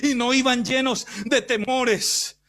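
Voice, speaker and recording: A middle-aged man preaching a sermon as pastor, fervent, swinging between shouting and hushed storytelling. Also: very high voice, steady tone, slow pace.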